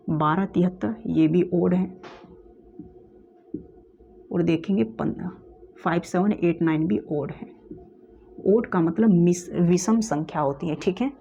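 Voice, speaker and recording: A man's voice: sits high, vocal fry, warm tone. A man teaching an exam-prep reasoning lesson, explaining step by step and checking in with his students after almost every point. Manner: explains step by step, keeps asking "ठीक है?". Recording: slightly dull, faint background hiss.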